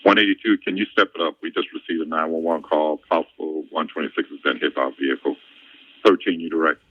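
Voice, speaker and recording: Deep, fast male dispatcher on police radio. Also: fairly even intonation, dry recording. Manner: brisk dispatch call-outs. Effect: police radio transmission. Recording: muffled archived radio call.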